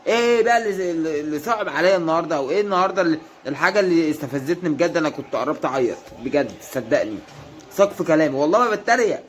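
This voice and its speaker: A man's voice: a little high, animated, rapid-fire. A man with an Egyptian Arabic accent in a casual monologue to rival football fans. He teases them in a mock-earnest way and keeps repeating reassurances. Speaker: football fan vlogger.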